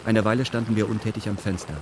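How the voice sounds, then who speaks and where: In a fairly low voice, a man reads a scripted radio drama quickly, with little pitch movement. He sounds formal and matter-of-fact, and clear ambient noise sits behind him.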